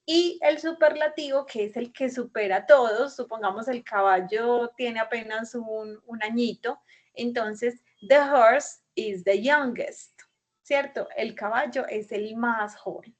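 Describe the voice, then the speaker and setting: A woman with a Colombian accent teaches an online class, going through each point patiently and often pausing to check that her students follow. Her voice sits a little high and she speaks slowly. She sounds like she is on a video call. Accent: Colombian Spanish. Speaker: English teacher.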